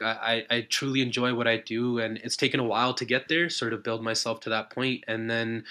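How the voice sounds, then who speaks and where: A man's voice: mid-range voice, sharp tone. A young man from Canada giving an informal explanatory talk as a guest speaker, casual and peppered with conversational filler words. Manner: casual, filler-heavy, frequent "you know" and "like". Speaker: guest speaker, community health specialist.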